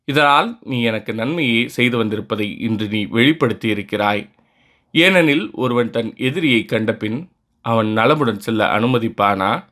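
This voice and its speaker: A man reading the part of a remorseful aging king in a solemn, measured way. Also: fairly low pitch, fairly bright tone. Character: repentant old male king pleading.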